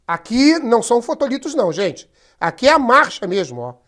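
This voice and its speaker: A woman's voice: on the high side, very animated, fairly quick, a bit bright. A woman, teaching a history lesson over slides in a chatty, step-by-step way, often addressing her students directly. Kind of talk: recorded class lecture over slides.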